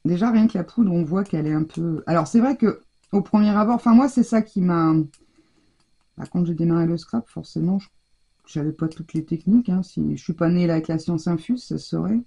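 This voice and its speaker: A woman with a husky, gravelly voice talks her viewers through a hands-on craft demonstration. Her tone is very dark and mellow, and she chats loosely, restarting and trailing off as she works. The feel is relaxed and conversational. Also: on the low side, brisk. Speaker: craft tutorial host.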